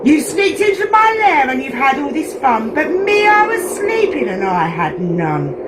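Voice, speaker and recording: A woman's voice: high voice, very animated, measured pace. A woman voicing a big grumpy male bear who sulks and whines in a storybook reading. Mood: sulky. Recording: echoey room, loud traffic noise.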